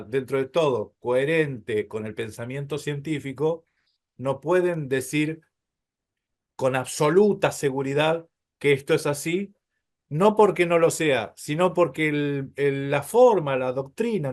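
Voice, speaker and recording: A man teaching a Hebrew class, explaining patiently, calling his listeners brothers and checking often that they follow. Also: on the high side.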